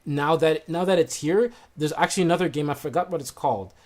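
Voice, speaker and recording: A man's voice: on the high side, quick pace. Earnest man arguing his point. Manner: earnest, argumentative, restarts to make a point. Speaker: podcast panelist. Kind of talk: casual debate.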